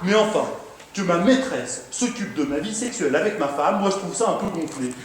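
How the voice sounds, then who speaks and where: A man's voice: high-pitched, lively intonation, a little fast, slight background noise. A man on stage playing an indignant, flustered cheating husband who sounds exasperated. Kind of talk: live stage comedy acting. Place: theatre stage in a hall. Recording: very echoey live hall recording.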